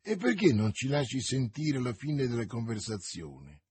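A man voicing a blunt, impatient musketeer in an audiobook, gruff and questioning. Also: medium pitch, wildly swooping pitch, measured pace, a little mellow, no echo, heavily acted.

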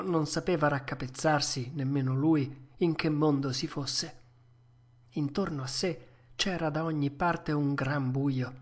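A woman narrating a storybook in a measured, expressive manner. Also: sits low. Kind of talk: storybook reading.

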